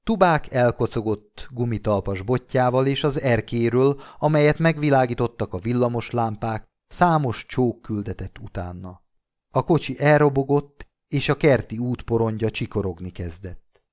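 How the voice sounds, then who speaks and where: A man from Hungary reading a literary story aloud in a measured, expressive way. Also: mid-range voice. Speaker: audiobook reader. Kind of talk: scripted literary narration.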